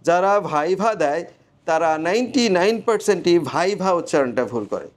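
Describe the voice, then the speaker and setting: A man's voice: high-pitched, sing-song, brisk. A man with a Bangladeshi accent teaching English pronunciation to a class, modelling sounds and asking students to repeat them. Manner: drills sounds aloud, asks the class to repeat. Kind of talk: classroom phonetics lesson.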